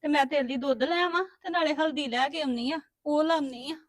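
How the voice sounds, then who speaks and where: A woman playing a soft, doting stepmother. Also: high voice, brisk, dry recording, studio quality, lightly acted. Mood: tender. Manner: soothing, affectionate pleading. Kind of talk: amateur family web drama.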